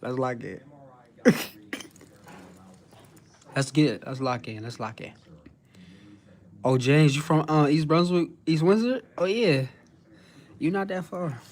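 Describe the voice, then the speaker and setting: Speaking slowly with long pauses, this young New Jersey livestreamer has a high-leaning, darkish voice. He boasts in thick street slang, curses without restraint and reads out messages from his chat along the way.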